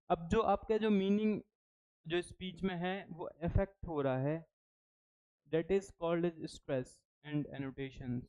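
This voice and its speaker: A man's voice: high voice, mellow, clear, resonant tone. A man with an Indian English accent giving an exam-prep phonetics lecture, switching between Hindi and English and repeating words to drill them. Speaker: English teacher. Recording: dull lo-fi recording.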